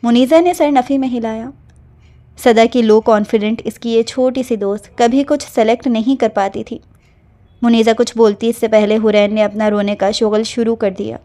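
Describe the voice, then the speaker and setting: A woman narrating an emotional romance novel aloud in a smooth storytelling manner. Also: fairly high pitch, steady tone, dark tone. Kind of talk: novel reading.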